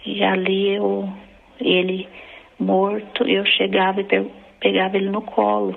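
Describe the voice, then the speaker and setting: A middle-aged Brazilian woman with a Brazilian Portuguese accent telling an emotional personal religious testimony, halting and restarting her sentences, over tinny phone-like audio. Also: medium pitch, completely flat delivery, gravelly, slight background noise. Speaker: church member giving a testimony.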